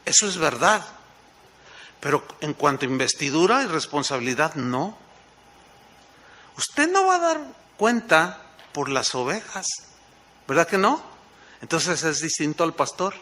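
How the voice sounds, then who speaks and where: A man preaching a sermon with a Mexican accent, telling a lively personal story and often checking in with his listeners through questions. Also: fairly high pitch, measured pace, pauses often. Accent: Mexican Spanish. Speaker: pastor.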